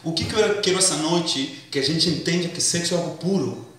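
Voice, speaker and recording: A high-pitched man preaching to his church, chatty and slangy, drawing call-and-response from the pews. His voice booms around a very echoey hall, picked up from a distance. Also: a little fast, fairly bright tone. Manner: acts out comic skits. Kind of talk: sermon.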